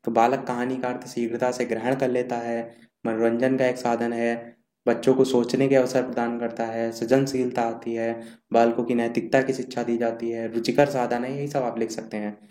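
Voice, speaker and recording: A man's voice: mid-range voice, level tone, moderate pace, warm tone. A man teaching an exam revision lesson, steadily listing and explaining points one after another while scrolling through notes. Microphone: screen-recorded voice-over. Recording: echoey room.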